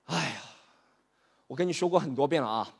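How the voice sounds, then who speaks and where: A man's voice: fairly high pitch, lively intonation, a little fast, husky, pitched below the performer's own voice. A man voicing a condescending know-it-all college friend in a reverberant hall. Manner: correcting, condescending.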